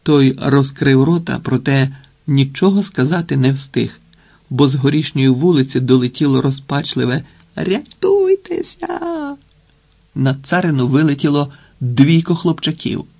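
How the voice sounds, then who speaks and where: A man's voice: mid-range voice, fairly even intonation, normal speed, darkish tone. Man narrating an adventure audiobook. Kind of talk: scripted narration.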